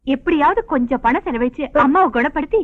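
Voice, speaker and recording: An actress playing a scheming wife who speaks briskly and chides her husband. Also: high voice, lively intonation, very noisy. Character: sharp-tongued scheming wife. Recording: lo-fi film soundtrack audio.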